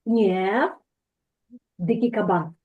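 A woman teaching a language lesson over a video call, patiently repeating words slowly to correct pronunciation. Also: mid-range voice, phone-quality sound, a little hiss or hum.

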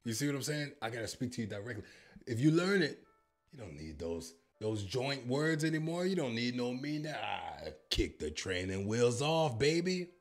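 With soft background music behind him, a very animated man in his thirties speaks at normal speed in a mid-range voice with an American accent. He's from the United States and reacts playfully to a language-learning app, cracking jokes and boasting into a handheld microphone in a purple-lit home studio.

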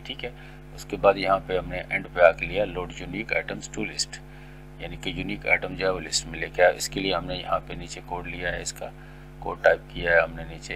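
A middle-aged man explaining a screen-recorded coding tutorial step by step, in a polite, steady way. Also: low-pitched, creaky, a little hiss or hum, low-quality recording. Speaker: tutorial instructor.

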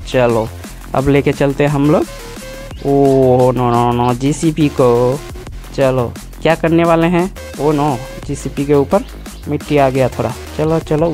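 A man's voice: on the high side, a little mellow. A man narrating his toy play for a children's channel, exclaiming often and talking to the toys.

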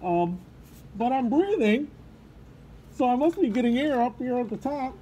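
A man's voice: very high voice, big pitch swings, a little slow, dark tone, slight background noise, poor audio. A man casually reviewing gear, talking through a full face snorkel mask in a chatty, upbeat way. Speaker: product reviewer. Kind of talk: casual product review vlog.

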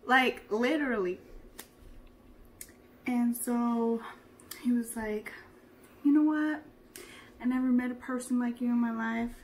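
A woman's voice: a little high, steady tone, slow pace, pauses often, a little hiss or hum. A woman playing a sassy, drama-queen self-made star. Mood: indignant. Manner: slangy, theatrical, swings from hushed confiding to loud indignation. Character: dramatic, sassy young woman who thinks she is famous. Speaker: interviewee. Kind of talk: comedy sketch acting.

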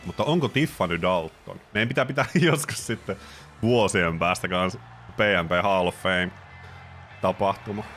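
A man doing playful, jokey play-by-play commentary on a wrestling video game, breaking into loud surprised exclamations. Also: sits low, soft background music.

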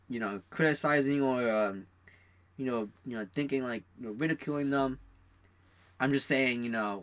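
Young male co-host, bright voice, animated rants about work, slips into quoted voices. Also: mid-range voice. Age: young adult. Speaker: podcast co-host. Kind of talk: casual chat.

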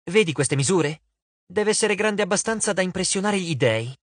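A man's voice: sits high, expressive, moderate pace, no echo, voice pushed up. A man voicing a clever, determined teenage girl for a storybook, talking in a coaxing, persuasive way.

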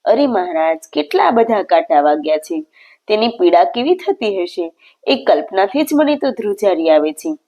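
A woman's voice: mid-range voice, big pitch swings, normal speed, mellow. A woman voicing a devoted village mother who scolds the lord lovingly and emotionally. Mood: tender.

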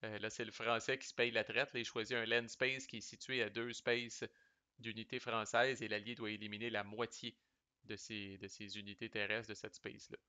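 A man's voice: on the low side, little pitch movement, moderate pace, bright, forceful tone, no room sound. A man with a Québécois French accent talks through board game cards in a chatty, loose way. He drops in English game terms and salty slang. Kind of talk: casual explanatory commentary.

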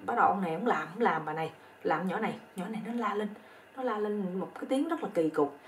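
A woman with a Southern Vietnamese accent telling a comic story in a rapid, chatty, colloquial way. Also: medium pitch, expressive, far from the mic, slight background noise.

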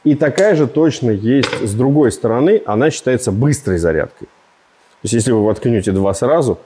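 A man's voice: mid-range voice, normal speed, a little hiss or hum. A man in his thirties reviewing a car in a casual, joking, rambling way, recorded in a large indoor showroom on a lapel mic. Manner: joking, rambling, animated with gestures.

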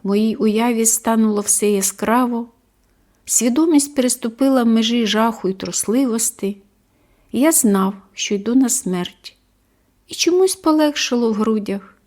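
Woman with an expressive audiobook voice. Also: a little high. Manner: measured, expressive reading. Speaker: audiobook narrator. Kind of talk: scripted first-person story narration.

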